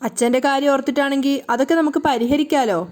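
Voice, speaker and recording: A woman's voice: sits high, fairly even intonation, fast, a little mellow, close to an everyday voice. Woman reading as a caring young daughter.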